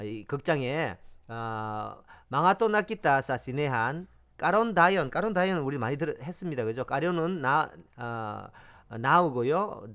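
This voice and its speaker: A man's voice: mid-range voice, fairly bright tone. A man hosting a homemade language lesson, drilling phrases aloud and explaining words with frequent fillers and repetition. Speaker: language teacher. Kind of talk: lively self-made language lesson.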